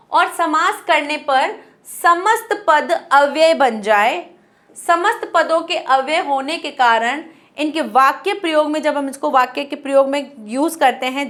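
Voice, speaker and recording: A woman's voice: sits high, fairly bright tone. A woman teaching a grammar lesson who explains step by step, asking and then answering her own questions. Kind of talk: classroom lesson.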